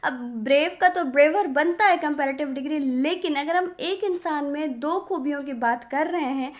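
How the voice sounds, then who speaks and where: A woman's voice: sits high, normal speed. A woman teaching a grammar lesson to students, asking questions and answering them herself, with English terms mixed into her explanation.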